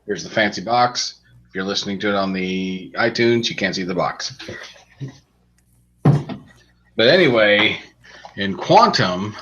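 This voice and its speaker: A man's voice: lowish voice, sharp tone. A man co-hosting a casual podcast, explaining board games and trading dry jokes. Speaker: podcast co-host. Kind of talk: casual podcast chat and game review. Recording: dull lo-fi podcast audio.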